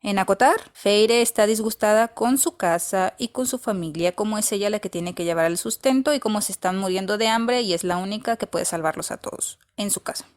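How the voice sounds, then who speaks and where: A woman talks through a book review in a casual, unscripted way. Her voice sits at an ordinary mid pitch, and she is blunt and opinionated, pressing her points by repeating them. Dry, sarcastic asides run through her talk. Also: fairly quick, hardly any pauses.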